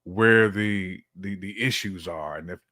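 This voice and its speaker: This podcast guest or co-host has a low-pitched, sharp-toned voice and speaks a little slowly. He offers his views in relaxed, colloquial conversation, frequently slipping into imagined dialogue.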